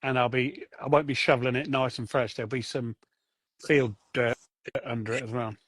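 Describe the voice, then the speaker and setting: A man's voice: medium pitch, little pitch movement, moderate pace, fairly bright tone, no room sound. A man co-hosting a casual garden podcast chat, joking and laughing often. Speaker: podcast co-host.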